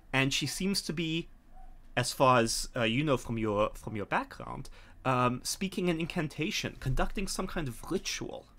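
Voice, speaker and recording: Narrating a horror tabletop game from home over a video call, this middle-aged game master takes his time and stops frequently. He speaks at a medium pitch, and his tone is fairly bright.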